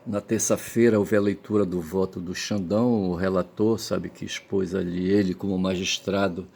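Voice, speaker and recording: Hungover man for casual rambling commentary; deep, creaky voice, halting delivery. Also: steady tone, darkish tone. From Brazil. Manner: halting, repeatedly checks with tag questions. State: hungover, tired. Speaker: vlogger giving commentary.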